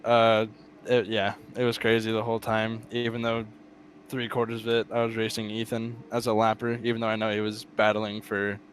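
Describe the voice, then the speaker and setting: A man answering post-race interview questions as the winner, rambling and excited, full of fillers. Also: on the low side, normal speed, a little hiss or hum, poor audio.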